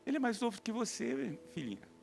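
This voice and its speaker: A man voicing a patient, gentle mother speaking softly and tenderly to her daughter. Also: very high-pitched, big pitch swings, fairly quick, vocal fry, faint music behind, heavily acted. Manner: soft, tender, hushed.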